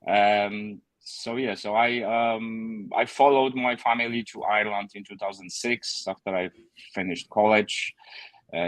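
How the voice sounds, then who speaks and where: A man's voice: fairly low pitch, a bit bright, no room sound, low-quality recording. A man, telling his story as a guest on an online call, hesitant with many fillers and restarts. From Poland. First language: Polish. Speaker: guest author. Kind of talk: casual interview storytelling.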